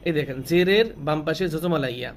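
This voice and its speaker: A man teaching Quran reading, asking questions and answering them himself, repeating each rule slowly so it can be memorized. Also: on the high side, a little hiss or hum. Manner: draws out sounds when showing long vowels. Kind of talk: slow classroom-style recitation lesson.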